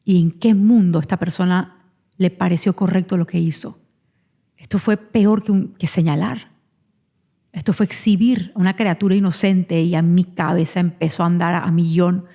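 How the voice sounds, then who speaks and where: This podcast host, a mother of twins, has a lowish, dark voice and speaks at a normal pace in a steady tone. She recounts a painful personal story frankly and with open vulnerability, rambling and restarting as she goes, almost like a confession.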